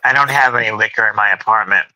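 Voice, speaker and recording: A middle-aged man with a gravelly, rough whiskey voice, chatting casually over a tinny, breaking-up internet connection. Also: fairly low pitch, fast, pushed and bright, no room sound. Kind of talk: casual chat. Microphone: remote call microphone.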